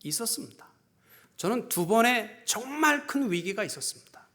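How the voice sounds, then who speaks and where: A man in his fifties, a pastor preaching a sermon, telling a story and acting out dialogue, dropping to hushed tones and rising to fervent emphasis. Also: sits high, very animated, normal speed.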